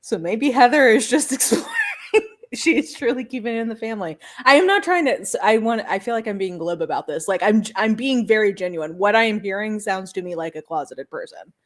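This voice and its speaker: A woman's voice: mid-range voice, lively intonation, brisk. A woman co-hosting a podcast in casual chat, blunt and irreverent, laughing often. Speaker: podcast co-host.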